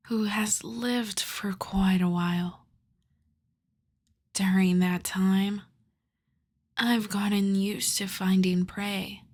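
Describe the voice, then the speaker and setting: A woman with a mid-range voice plays a seductive vampire who is lovestruck, whispering softly and breathily in an intimate ASMR style that's coaxing and doting.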